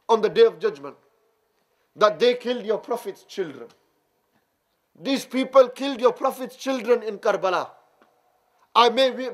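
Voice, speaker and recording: Brief: preacher doing a sorrowful holy father, high male voice, pleading. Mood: grieving. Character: grieving holy man, father of the slain.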